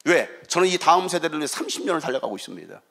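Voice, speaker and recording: A middle-aged man preaching a revival sermon as guest pastor, swinging between loud shouting and quiet asides and acting out quoted voices. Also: on the high side, very animated, very fast, creaky.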